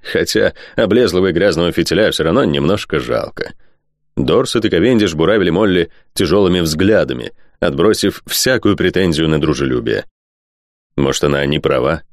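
A man narrating an audiobook in a wry, lively way. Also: low-pitched, moderate pace, no echo, clean studio sound. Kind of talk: expressive audiobook reading.

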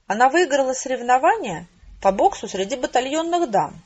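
A woman reading the letter of a young male soldier writing to his mother, in a wry, cheerful manner with a husky voice. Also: high voice, sing-song, a little fast, darkish tone, highs cut off, pitched above the performer's own voice, full character voice.

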